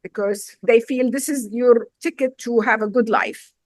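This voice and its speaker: A woman's voice: fairly high pitch, moderate pace, no room sound. A middle-aged woman from Syria with a Syrian accent, a chef and restaurant owner telling her story in a casual interview, emphatic and direct.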